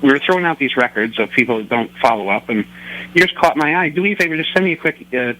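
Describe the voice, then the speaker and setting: A man's voice: medium pitch, animated, quick pace, pushed and bright, poor audio. A middle-aged man telling rambling, joking, self-deprecating anecdotes as a radio interview guest. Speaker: interview guest, record holder.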